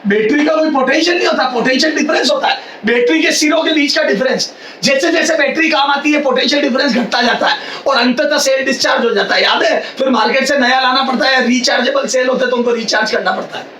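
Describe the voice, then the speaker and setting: Rajasthani hindi accent guy lecturing physics loud, sharp bright voice, recorded far off. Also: extremely high pitch, fast, slight background noise. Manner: loud, drilling, calls on students. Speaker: physics teacher. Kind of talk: classroom lecture. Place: classroom. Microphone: camera at a distance. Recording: echoey classroom, far from mic.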